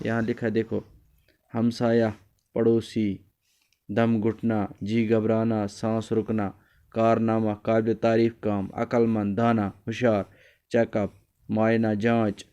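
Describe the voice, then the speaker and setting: Speaking fondly to young children, a man leads a story lesson, repeating phrases and lines and carefully explaining each new word, sometimes switching briefly into Kashmiri. His pitch stays flat and level, and his tone is clear and smooth.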